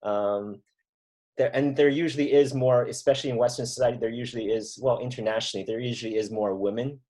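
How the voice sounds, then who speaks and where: A podcast host in his thirties from mainland China leads a reflective conversation, earnest and unhurried, thinking aloud with fillers and restarts. His voice is mid-range, steady and dark in tone.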